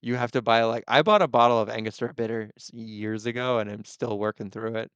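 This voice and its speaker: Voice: mid-range voice, fairly even intonation, fairly quick, fairly bright tone, clear, resonant tone, no room sound, lo-fi sound. A podcast co-host from North Dakota making wry jokes in casual chat, with hesitant fillers.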